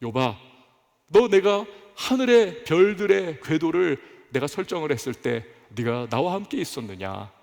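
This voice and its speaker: A man voicing God as a stern, all-knowing figure who asks slow, commanding questions. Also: a little high, gravelly, darkish tone. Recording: echoey church hall.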